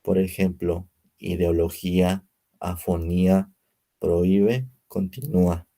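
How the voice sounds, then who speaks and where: A young man presents a spelling lesson as a student, reading examples one after another. His delivery is slow and careful, and his voice is low and mellow. He stumbles now and then and corrects himself. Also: fairly even intonation. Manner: reads word lists slowly with pauses, some slips.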